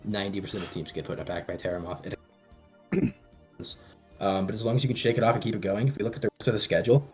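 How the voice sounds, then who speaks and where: Low-voiced man casually ranking teams. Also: fairly even intonation, very fast, faint music behind. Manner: rambling, restarts often. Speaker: co-host. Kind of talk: casual podcast commentary.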